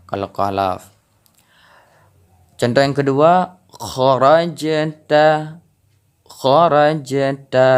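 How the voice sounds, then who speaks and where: A man teaching Quran reading, explaining slowly and reciting each example word in a drawn-out voice. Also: lowish voice. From Indonesia or Malaysia.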